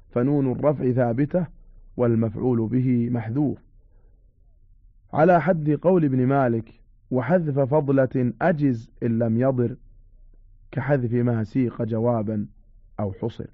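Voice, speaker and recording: Guy reading old tafsir aloud, slow and careful on the verses, kinda muffled dry recording. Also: medium pitch, no echo. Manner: measured, slowing for quoted verses. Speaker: reader of a tafsir audiobook. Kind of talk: formal classical Arabic reading.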